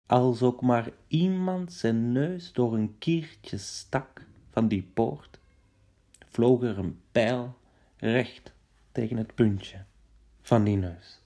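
A man's voice: mid-range voice, dark tone. A man telling a children's story playfully and dramatically, dropping to whispers for suspense.

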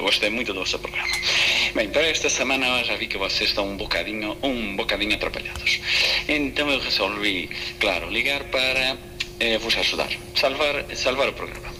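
A man's voice: lowish voice, bright, forceful tone, slight background noise. Spanish-accented man calling in, echoey line. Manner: chatty, mixing Spanish and Portuguese. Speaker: radio caller.

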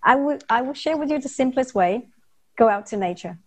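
A woman's voice: sits high, expressive, fairly quick. Earnest woman from Vietnam, repeating phrases. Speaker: interview guest, nonprofit founder. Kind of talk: interview answers.

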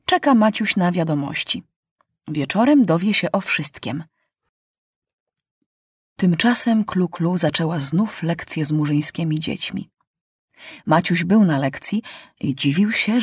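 A storybook narrator reading at an unhurried, careful pace, with a dry, close sound and a middle-range voice. The delivery is measured and expressive, giving weight to every sentence. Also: mid-range voice, husky, no echo. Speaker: audiobook narrator.

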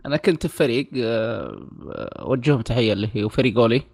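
A man's voice: medium pitch, expressive, fast talker, vocal fry, darkish tone. A young man, co-hosting a casual podcast, telling stories with animation and laughing a lot. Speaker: podcast co-host.

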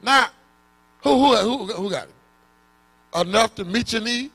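A man preaching a sermon, questioning his congregation in call-and-response and bursting into shouts. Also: extremely high pitch, unhurried, husky.

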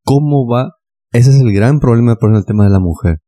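A man's voice: medium pitch, fast talker, warm tone. A man in a casual discussion who affirms his partner's points and builds on them.

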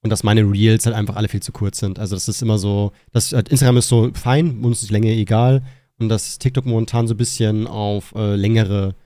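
A man co-hosting a casual podcast, rambling and animated, swearing casually. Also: lowish voice, fairly quick, dry recording, studio quality. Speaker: podcast co-host. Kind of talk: casual chat.

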